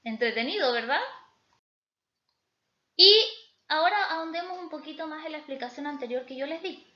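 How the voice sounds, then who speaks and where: A woman teacher explaining spelling rules in a recorded lesson, often pausing to check in with her students. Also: sits high, bright, forceful tone. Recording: echoey room, slightly dull sound.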